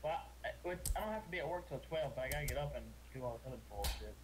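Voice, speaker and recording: A man's voice: medium pitch, expressive, rapid-fire, background noise. A young man joking crudely and wryly with a friend over a video game. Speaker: friend playing along. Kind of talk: casual gaming chat.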